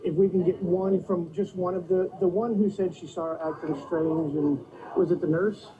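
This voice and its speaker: A man's voice: high-pitched, fairly even intonation, moderate pace, crowd noise. A man speaking as an on-duty police officer, recorded on a body camera. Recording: noisy, phone-like body camera audio.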